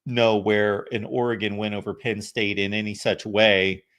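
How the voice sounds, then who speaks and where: A man's voice: fairly low pitch, level tone, normal speed, a bit bright. A man hosting a sports call-in show, giving conversational analysis in a matter-of-fact way, explaining step by step. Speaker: host of a college football call-in show.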